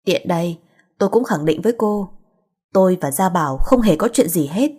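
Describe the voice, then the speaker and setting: A woman's voice: lowish voice, expressive, darkish tone, breathy edge. A woman voicing a composed, principled young married woman who speaks firmly. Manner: firm, measured.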